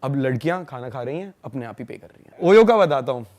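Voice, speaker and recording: A young man from India, a podcast guest, telling stories in a fast, slangy, casual way and laughing along. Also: medium pitch, expressive, darkish tone. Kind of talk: casual storytelling chat.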